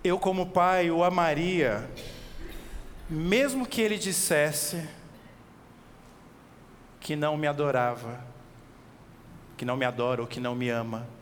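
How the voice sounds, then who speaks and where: A high-pitched Brazilian man preaches with lively energy, firing questions at his listeners and drawing out key words for weight. His voice rings through a church hall with a long echo tail, over a faint hum of background noise. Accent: Brazilian Portuguese. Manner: animated, asks the listeners direct questions, slows for emphasis. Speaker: pastor. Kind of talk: expository sermon.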